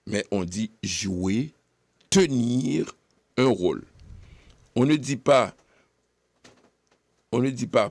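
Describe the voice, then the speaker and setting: Gravelly low-voiced guy doing a radio grammar segment, says each phrase twice, dry close sound. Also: no room sound. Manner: repeats each phrase slowly for emphasis, with hesitant fillers. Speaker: radio presenter. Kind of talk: educational radio segment on correct French usage.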